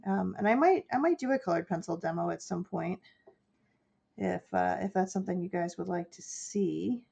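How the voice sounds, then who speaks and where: An artist streams herself painting, chatting casually and explaining her steps as she works. Her nose is stuffy from a cold, and her fairly low, mellow voice has a gravelly edge. She speaks at a normal speed.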